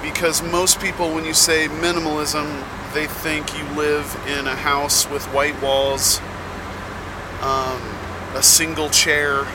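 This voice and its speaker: A man hosting a podcast as a casual, rambling, halting monologue from inside the cab of a truck. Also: fairly high pitch, level tone. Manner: slow, halting delivery with many pauses. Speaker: podcast host; touring musician. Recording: loud vehicle noise in truck cab. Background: loud vehicle and air noise.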